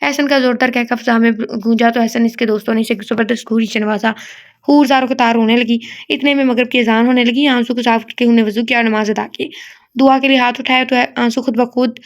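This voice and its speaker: A woman's voice: on the high side, fairly even intonation, fairly quick. A woman narrating an audio novel, breaking in with laughing side remarks. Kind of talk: audio novel reading with comic asides.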